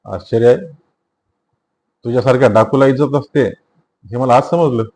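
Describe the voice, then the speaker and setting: A stern male police inspector from a spoken novel, loud and scornful as he arrests a man, voiced by the man reading the book. His orders come out hard and mocking, the voice of a man used to being obeyed. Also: mid-range voice, moderate pace, lightly acted.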